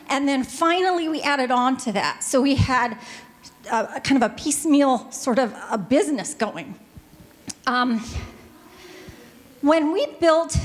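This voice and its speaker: Chatty fast-talking woman on a panel. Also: fairly high pitch. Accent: Pacific Northwest American. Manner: chatty and fast, joking with the audience. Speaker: panelist, music store owner. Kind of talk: panel talk to a live audience. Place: hotel ballroom. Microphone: handheld microphone.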